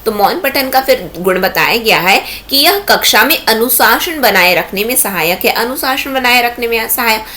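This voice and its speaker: A woman's voice: fairly high pitch, lively intonation, normal speed, hardly any pauses, bright, forceful tone. A woman teaching an exam-prep lecture, explaining step by step and asking herself rhetorical questions.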